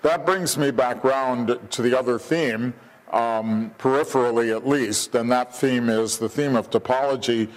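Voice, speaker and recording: Older guy giving a conference keynote at a podium mic, lots of ums, thinking out loud. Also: medium pitch, unhurried. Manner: thoughtful, many ums and uhs. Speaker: keynote speaker. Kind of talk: academic lecture. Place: hotel conference hall.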